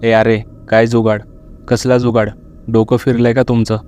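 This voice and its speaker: A man voicing an earnest young male intern in a storybook reading, polite but quick to protest. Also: mid-range voice, level tone, darkish tone, smooth, lightly acted.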